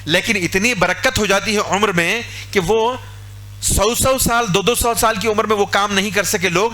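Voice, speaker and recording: High, bright-voiced preacher with lilt. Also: male voice. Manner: lively, conversational, acts out everyday scenes. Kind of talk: Urdu sermon. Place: mosque.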